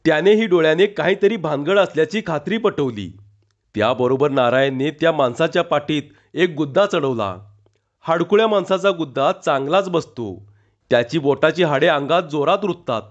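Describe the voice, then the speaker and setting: A man reading a humorous short story aloud with expressive, lively narration. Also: fairly high pitch, normal speed. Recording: dull lo-fi recording.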